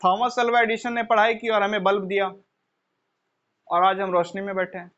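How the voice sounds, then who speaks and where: A man's voice: sits high, level tone, moderate pace, a bit bright. A male teacher giving a motivational classroom lecture, asking questions and answering them himself and addressing his listeners as children. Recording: dull lo-fi recording.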